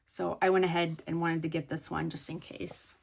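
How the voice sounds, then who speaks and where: A woman's voice: low voice, flat delivery, normal speed, gravelly. A woman chatting casually in a hobby haul video, rambling with many ums and restarts. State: sleepy, yawning. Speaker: hobby vlogger.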